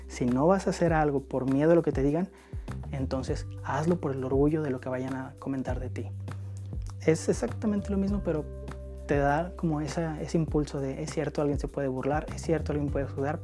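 Mellow-voiced man giving podcast advice. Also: on the high side. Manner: reads out listener questions and answers them in a relaxed, coaching way. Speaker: podcast host.

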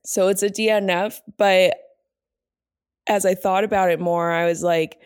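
A young woman co-hosting a casual book podcast, hoarse and gravelly from being sick, rambling and trailing off as she talks. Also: medium pitch, steady tone, a little slow, no echo, clean studio sound. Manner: rambling, self-deprecating, trails off mid-sentence. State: hoarse from illness. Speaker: podcast co-host.

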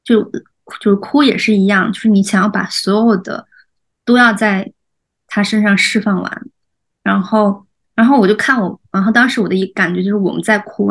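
A woman co-hosts a podcast and speaks in an emotional, halting way, often searching for her words. Her voice sits at an ordinary middle pitch. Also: fairly even intonation, gravelly. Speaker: podcast co-host. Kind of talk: podcast conversation.

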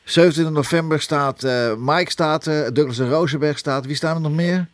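A man hosting a casual radio chat in a halting, repetitive way, often ending on tag questions to seek agreement. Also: on the high side, dry recording. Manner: chatty, halting, repeats himself, seeks agreement with tag questions. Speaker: radio host. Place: dry radio studio.

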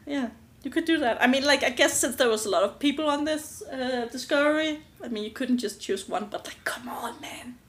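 Young woman on a podcast, higher voice, giggly, trips over words. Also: a little fast. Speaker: podcast co-host. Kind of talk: casual podcast chat.

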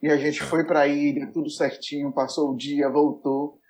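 A man with a Brazilian accent telling a story in a casual chat, animated and laughing often as he acts out the dialogue. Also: a little high, normal speed.

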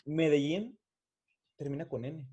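A young man with a Mexican Spanish accent, making quick slangy wisecracks in a casual podcast chat. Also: fairly high pitch, dark tone, husky, lo-fi sound. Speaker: podcast co-host. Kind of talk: casual chat among friends.

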